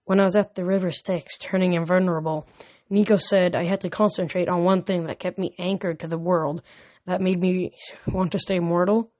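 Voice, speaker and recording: A man's voice: high voice, little pitch movement, moderate pace, a little mellow, close to an everyday voice. A wry teenage boy hero from a storybook, joking at his own expense, as a young man reads him aloud. The voice is dry and close to the mic, in a small, dead-sounding space with no echo.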